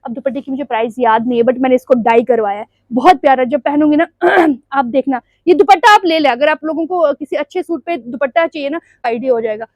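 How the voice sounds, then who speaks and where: A woman's voice: high-pitched, fairly quick, few pauses, darkish tone, no echo, rough recording. A young woman vlogging at home, talking in a rambling, confiding way and laughing often as she chats. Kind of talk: casual chatty vlog. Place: at home, standing before the camera.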